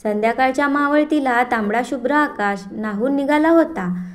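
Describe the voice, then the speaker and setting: High-voiced woman telling a story. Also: moderate pace. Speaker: narrator. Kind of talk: storytelling, reading aloud.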